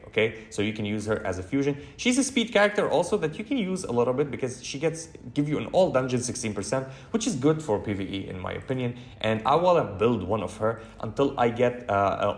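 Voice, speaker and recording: Chatty man with a roomy echo. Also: medium pitch. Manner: chatty, many fillers and self-corrections. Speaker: gaming channel host. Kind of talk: casual game walkthrough voice-over.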